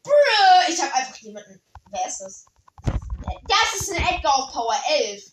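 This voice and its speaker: A young woman chatting casually and excitedly while playing a game with a friend, full of quick exclamations. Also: sits high, roomy sound, slight background noise. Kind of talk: casual gaming chat.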